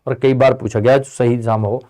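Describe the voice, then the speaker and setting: A man's voice: medium pitch, steady tone, quick pace, dark tone. Man drilling an exam-prep class. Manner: call-and-response drilling, answering his own questions; casual, addresses students as beta and bhai. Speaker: teacher. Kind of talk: online exam-prep lesson. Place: Indian tutoring channel.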